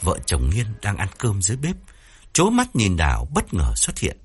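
Deep, expressive male storyteller. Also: moderate pace, slightly rough. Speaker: audiobook narrator. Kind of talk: storytelling narration.

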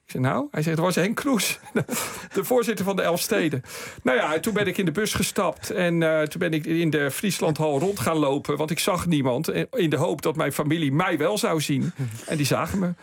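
Gravelly man telling a lively story. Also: on the high side, normal speed, hardly any pauses, dry recording. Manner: lively, chuckling storyteller who acts out quoted voices. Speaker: guest telling his own story. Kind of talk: radio anecdote storytelling. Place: radio studio.

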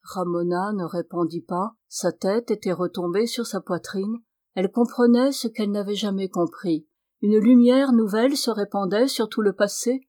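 A woman reading a novel aloud in a measured, expressive storytelling voice. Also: mid-range voice, no room sound. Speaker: audiobook reader.

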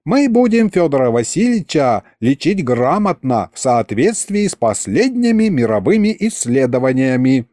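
A man's voice: medium pitch, sing-song, normal speed, hardly any pauses, dark tone, dry recording, clean studio sound, close to an everyday voice. A man voicing a strict, fussy young woman healer who scolds. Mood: scolding. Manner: scolding, prim.

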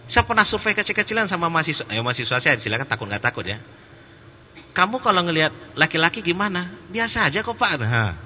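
A man preaching at a religious study session, speaking casually, joking at times and growing loud and animated. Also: fairly high pitch, slight background noise. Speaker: Islamic preacher. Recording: dull, with a long echo in a hall.

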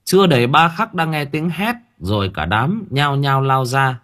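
A man's voice: medium pitch, lively intonation, moderate pace, fairly bright tone. A man narrating a horror story for an audiobook in a vivid, dramatic way.

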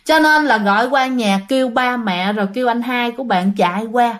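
Speaking a little fast in a slightly high voice, this Southern Vietnamese woman chats her way through a ghost story and addresses her audience directly.

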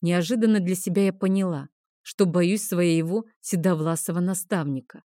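A woman narrating a first-person fantasy novel in an expressive storytelling manner. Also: on the low side, normal speed, no echo, clean studio sound. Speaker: audiobook narrator.

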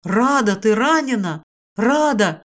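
A woman's voice: a little high, expressive, slow. A woman voicing an anxious, protective male serpent-man in an audiobook, urgent and pleading. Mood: urgent worried. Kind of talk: audiobook character voice.

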